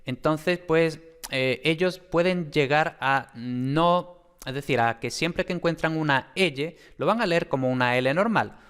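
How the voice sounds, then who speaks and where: A man's voice: fairly high pitch, a little slow, a bit bright, clean tone. Man lecturing. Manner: explanatory, many fillers and hesitations. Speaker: phonetics teacher.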